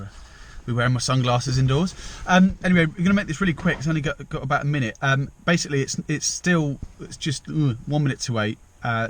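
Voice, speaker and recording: A young man from England, rambling chattily and self-deprecatingly in a casual vlog. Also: mid-range voice. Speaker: vlogger.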